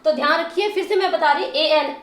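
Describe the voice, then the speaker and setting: A woman teaching English phonics, stretching sounds slowly and spelling words letter by letter. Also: very high-pitched, echoey room. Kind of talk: phonics lesson.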